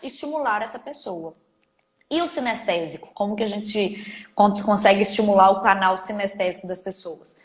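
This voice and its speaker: A woman with a Brazilian Portuguese accent, leading a live online training on communication, talking in an animated and emphatic way with everyday examples. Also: medium pitch, echoey room.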